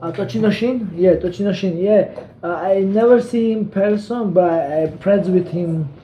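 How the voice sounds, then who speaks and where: A man with a Georgian accent and Georgian as his first language, chatting casually on a livestream in halting English full of fillers and now and then in Georgian. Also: high voice, mellow, reverberant, highs cut off, slight background noise. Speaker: guest fighter reading chat.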